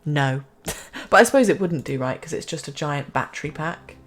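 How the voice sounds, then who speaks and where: A woman's voice: low voice, lively intonation, normal speed. A woman giving casual, self-mocking commentary as she plays a city-building game, chatting to herself and the game.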